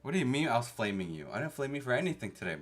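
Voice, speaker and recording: With a medium-pitched voice full of big pitch swings, he talks rapid-fire over faint music. He's a young man from Canada who spoke Korean at home growing up, chatting with his stream audience, reading messages out loud and playfully defending himself.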